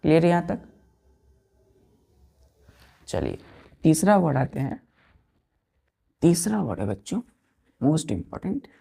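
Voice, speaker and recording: Slow, low-voiced woman teaching vocabulary. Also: very animated, creaky, dark tone, slightly rough. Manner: repeats words and spells them letter by letter, checks understanding often. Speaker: English teacher. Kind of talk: slow classroom vocabulary lesson.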